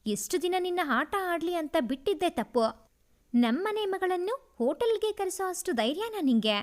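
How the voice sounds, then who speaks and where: A woman's voice: extremely high pitch, big pitch swings, moderate pace. A woman voicing a protective, hot-tempered young man who threatens and scolds in a storybook tale. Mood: threatening.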